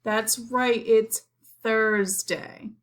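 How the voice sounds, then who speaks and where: A woman speaking like a kindergarten teacher leading young children through a lesson, encouraging them in simple, repeated phrases and pausing for answers. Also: a little high, fairly even intonation, fairly bright tone.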